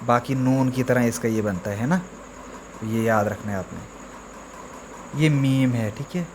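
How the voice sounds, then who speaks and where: Slow, drilling male alphabet teacher. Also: medium pitch, darkish tone, a little hiss or hum. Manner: drawn-out, repetitive letter drills with frequent "theek hai". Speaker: Urdu teacher. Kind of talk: slow beginner alphabet lesson.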